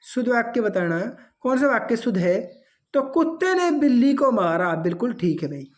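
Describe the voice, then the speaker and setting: A woman's voice: on the high side, very animated, moderate pace. A woman teaching an exam-prep grammar lesson, reading out answer options and then correcting them.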